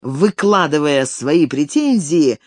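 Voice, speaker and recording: Expressive audiobook reader with lively intonation. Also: medium pitch, takes it slowly, no echo, clean studio sound. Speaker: audiobook narrator. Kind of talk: literary audiobook reading.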